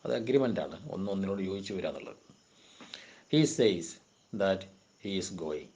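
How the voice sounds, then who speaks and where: Speaking in a low-pitched, animated voice with a darkish tone, this Kerala-accented man lectures at university level on linguistics exam questions and answers. He reads the English definitions slowly, then switches to faster Malayalam to explain them.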